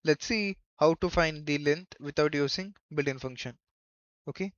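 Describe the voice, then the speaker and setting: A man giving a coding tutorial in a halting way, thinking aloud as he goes. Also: fairly high pitch, no room sound. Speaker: programming tutor. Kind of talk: screen-recorded coding tutorial. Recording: dull lo-fi microphone.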